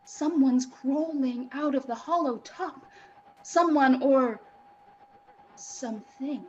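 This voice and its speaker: In a live reading of a 1930s radio drama, a woman voices an excitable radio reporter who is an awed, alarmed eyewitness, using dramatic, suspenseful pauses. Her voice is high and the mood is horrified awe. The recording has its highs cut off and carries a little hiss or hum.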